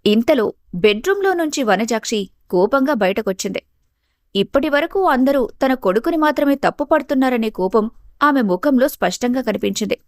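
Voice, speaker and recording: Reading a scripted family story, this woman storyteller keeps a steady, even delivery at a normal speed. Her voice is fairly high, and the recording is close and completely dry.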